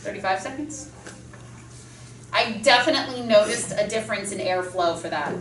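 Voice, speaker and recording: A woman speech teacher giving a chatty, fast-talking classroom lecture. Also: mid-range voice, expressive, a bit bright. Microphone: camera mic across a classroom. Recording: roomy, distant classroom sound with faint noise.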